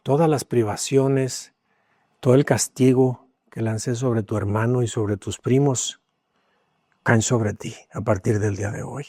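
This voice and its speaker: A man preaching a sermon as pastor, telling a personal story with emotion, dropping to hushed tones and rising again. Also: mid-range voice, steady tone, unhurried, no room sound, studio quality. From Mexico. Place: church.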